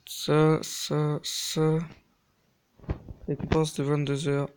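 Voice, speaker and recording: A young man giving casual, crude commentary while playing a mobile game, talking fast and nervously, swearing often. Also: fairly high pitch, completely flat delivery, darkish tone, a little hiss or hum. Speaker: mobile gaming YouTuber.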